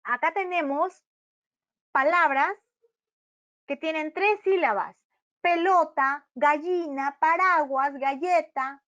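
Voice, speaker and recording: A woman from Peru giving a patient, step-by-step early-childhood education webinar, slowly sounding out words for parents. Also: high voice, a bit bright. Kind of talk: instructional webinar talk. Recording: dull lo-fi webinar audio.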